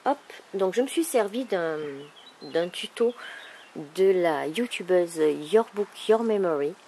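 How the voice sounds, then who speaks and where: A woman with a thick, swollen-tonsils sore-throat voice, speaking softly and casually as she presents a craft project. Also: medium pitch, animated, takes it slowly. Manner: soft-spoken, holding back volume. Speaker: craft video maker presenting an album. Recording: clearly noisy background ambience.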